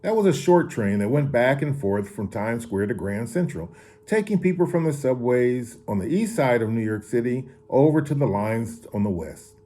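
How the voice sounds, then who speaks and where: Warm, expressive man reading a children's story. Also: medium pitch, moderate pace. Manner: expressive reading with occasional restarts. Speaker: story reader. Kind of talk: children's story read-aloud.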